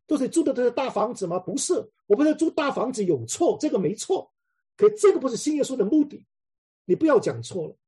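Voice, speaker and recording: A man's voice: very high voice, very animated, fast, mellow, slightly rough. A man preaching in a conversational way, telling anecdotes and often repeating words as he restarts his sentences.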